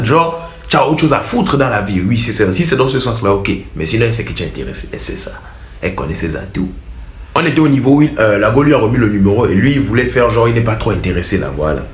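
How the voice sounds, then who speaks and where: A man's voice: medium pitch, quick pace. A man, casually reading out a viewer's dating story and joking about it as the host. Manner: animated, joking, laughs at his own remarks. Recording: echoey room.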